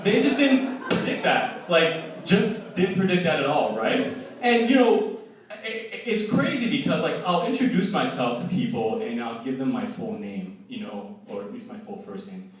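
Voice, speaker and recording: Animated young man doing stand-up. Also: a little high, moderate pace. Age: 20s. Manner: animated storytelling, voicing people in quoted lines. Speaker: stand-up comedian. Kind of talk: stand-up comedy set. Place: law school event hall with live audience. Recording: very echoey hall, voice from a distance.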